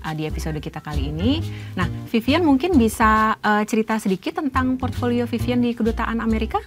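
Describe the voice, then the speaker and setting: A woman's voice: a little high, lively intonation, brisk. A woman hosting a conversational podcast interview in a chatty, encouraging way. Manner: chatty, encouraging, frequent backchannels. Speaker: podcast host. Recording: music behind the voice. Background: background music.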